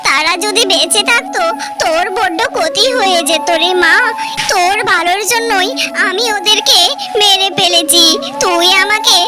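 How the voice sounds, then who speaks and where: A woman's voice: very high voice, normal speed. A woman voicing the stern, vengeful ghost of a mother in a cartoon. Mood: tender. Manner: menacing, accusing speech. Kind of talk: dubbed cartoon acting. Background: loud background music.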